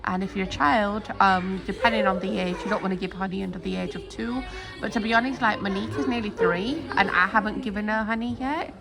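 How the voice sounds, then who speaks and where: Filming on a phone at arm's length at home, a young woman from the UK chats to camera, rambling with plenty of ums. She speaks fairly quickly at a medium pitch with vocal fry, and loud music sits behind her voice in this low-quality phone video recording.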